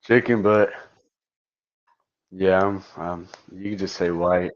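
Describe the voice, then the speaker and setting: A man with a lowish voice drawls through casual voice chat, laid-back and mumbling, brushing things off. The sound is dull and lo-fi, with no room around it. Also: steady tone, slow pace. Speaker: voice chat debater.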